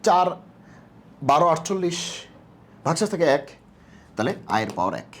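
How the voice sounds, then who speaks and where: Lively math tutor. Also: medium pitch, moderate pace. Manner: asks and answers own rhetorical questions; casual, coaxing teacher talk. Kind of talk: exam-prep lecture.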